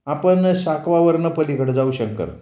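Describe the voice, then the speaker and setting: A man's voice: on the high side, a little slow, warm tone, pitched above the performer's own voice, close to an everyday voice. A man voicing an elderly village woman, a mother who talks in rustic, scolding but fond village speech. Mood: coaxing. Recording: dull, roomy recording.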